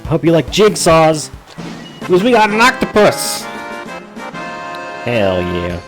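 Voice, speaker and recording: A man's voice: fairly high pitch, wildly swooping pitch, takes it slowly, over music, low-quality recording. A man hosting a gaming video with casual commentary, speaking informally and jokingly with free use of swearing.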